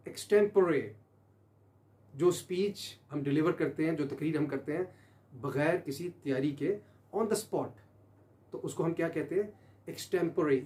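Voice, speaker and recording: A man gives a pronunciation lesson, spelling words out slowly and repeating them for the listener. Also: fairly high pitch, darkish tone. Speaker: teacher.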